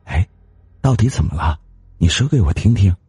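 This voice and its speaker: Scheming shrill wife in an audio story, voiced by a man, bossy and sharp-tongued, pitched way up over a husky, gravelly base. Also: wildly swooping pitch, normal speed, no echo, exaggerated voice. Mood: hushed coaxing.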